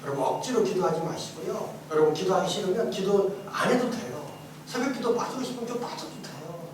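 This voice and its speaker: A male pastor giving a testimony sermon, animated and emphatic, shifting from shouts to soft asides and laughing often. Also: high-pitched, fast talker, a little hiss or hum. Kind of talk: testimony sermon in a church training course. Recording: echoey church hall, mic far off.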